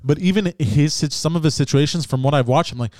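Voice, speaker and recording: A man's voice: a little high, quick pace, a little mellow, dry recording, clean studio sound. A man chatting casually as a podcast co-host, with teasing, sweary banter. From Quebec, Canada. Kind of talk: casual chat. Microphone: podcast mic with headphones.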